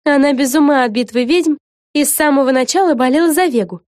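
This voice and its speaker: A woman's voice: high voice, fast talker, a little mellow, dry recording, studio quality, voice pushed up, lightly acted. A woman voicing a wry, chatty young witch who explains things in a knowing tone. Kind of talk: audiobook character voice.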